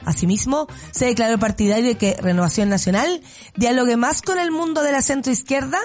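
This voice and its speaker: A woman's voice: on the high side, brisk, a little mellow, faint music behind. A woman with a Chilean accent hosting a radio show, giving blunt, sarcastic commentary and laughing often. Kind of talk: casual opinionated radio commentary.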